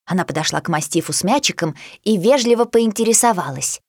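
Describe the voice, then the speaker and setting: A woman narrating a children's storybook with an expressive, lively reading. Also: lowish voice, fast talker, dry recording, studio quality.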